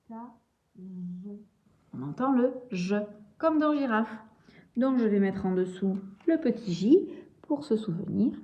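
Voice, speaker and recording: A woman teacher slowly and patiently explaining a reading lesson to young children. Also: medium pitch, dark tone, highs cut off. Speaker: schoolteacher.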